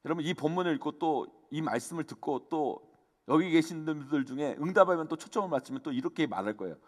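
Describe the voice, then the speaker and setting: 열정적으로 설교하는 남성 목사. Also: male voice, on the high side, expressive, fast, a little mellow. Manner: fervent preaching, addresses the congregation often. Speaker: senior pastor. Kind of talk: sermon. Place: church sanctuary. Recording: long church hall reverb.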